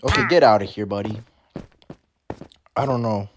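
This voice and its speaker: A man doing excitable gaming commentary, talking to his viewers and often repeating "oh my goodness". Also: normal speed, a little hiss or hum. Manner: excitable, addresses viewers as players, frequent squealing jumps in pitch. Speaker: gaming YouTuber. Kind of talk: Minecraft let's-play commentary.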